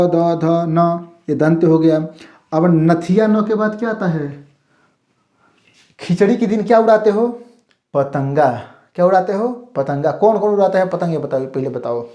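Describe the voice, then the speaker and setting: A male teacher running a mock class, firing off questions and then supplying the answers himself. His tone is mellow and unhurried. The room around him rings with a noticeable echo. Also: sits high. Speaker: Hindi teacher. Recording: roomy echo.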